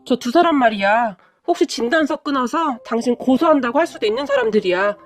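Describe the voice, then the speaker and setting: A woman's voice: high-pitched, lively intonation, fairly quick. A woman voicing a protective young husband who speaks in clipped, firm commands in a story reading. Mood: explaining.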